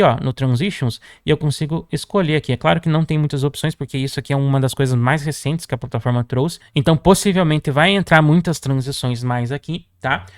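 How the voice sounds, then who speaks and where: A Brazilian man walking viewers through a software tutorial, constantly checking in with "tá?" as he clicks through features. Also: on the high side, no echo, clean studio sound. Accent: Brazilian Portuguese. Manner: brisk, peppers sentences with "tá?" and "ó". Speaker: tutorial host. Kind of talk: screen-recorded software tutorial.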